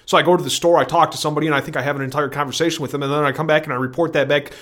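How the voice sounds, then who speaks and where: A man hosting his own broadcast in a rambling stream-of-consciousness monologue, repeating phrases and swinging between loud outbursts and low mumbling. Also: fairly even intonation, rapid-fire. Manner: erratic, swings from shouting to mumbling; repetitive, free-associating, self-questioning. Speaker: solo broadcaster.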